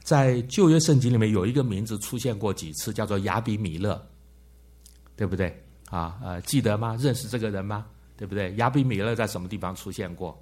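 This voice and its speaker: A man lectures a Bible class, often asking his listeners questions and tagging his sentences with "ha". His voice sits a little low and sounds husky. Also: brisk, dark tone. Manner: frequent "ha" tag words and questions to the class. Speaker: Bible teacher.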